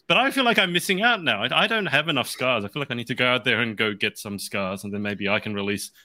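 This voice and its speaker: A man's voice: medium pitch, lively intonation, quick pace, sharp tone. A man hosting a casual interview in a jokey, teasing way. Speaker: interview host.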